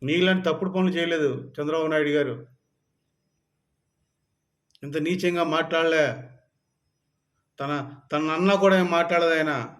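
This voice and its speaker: A man's voice: on the high side, normal speed, pauses often. Angry scolding man. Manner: scolding, rising to shouted anger. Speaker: political commentator. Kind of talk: angry political rant to camera.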